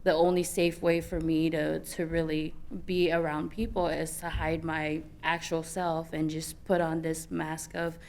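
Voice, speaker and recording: Young female panelist, low and gravelly, candid and halting. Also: flat delivery, darkish tone. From American Samoa. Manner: candid, halting, many fillers and restarts. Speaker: youth panelist. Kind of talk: personal story at a conference panel.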